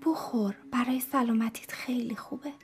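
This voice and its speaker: A woman's voice: on the high side, steady tone, husky. A woman voicing a patient but worn-out mother in a children's story, giving firm, coaxing instructions.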